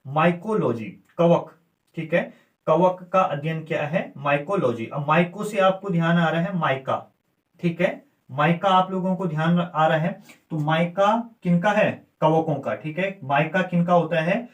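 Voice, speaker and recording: Male exam-prep teacher: high voice, echoey room, quizzes himself on terms. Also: unhurried. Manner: repeats key terms, asks and answers his own questions. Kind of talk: exam-prep lecture with memory tricks.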